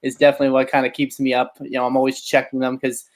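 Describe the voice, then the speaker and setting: A man's voice: mid-range voice, monotone, very fast. Friendly man chatting about sheep. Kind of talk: casual chat.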